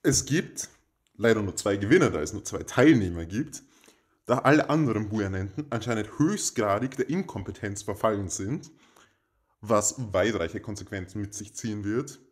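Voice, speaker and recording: A man makes a mock-formal giveaway announcement as host, speaking in a pompous, stilted and deadpan manner. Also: fairly low pitch, moderate pace. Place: indoors in a home.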